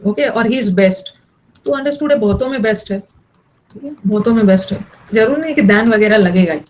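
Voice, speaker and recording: A woman's voice: mid-range voice, fairly quick, a little mellow, low-quality recording. A young woman teaching an online English grammar class, mixing explanation with chatty scolding asides to her students.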